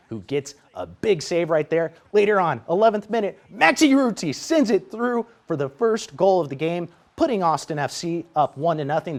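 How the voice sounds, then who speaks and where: An American man, a sports reporter, reads scripted highlight narration with an energetic play-by-play delivery.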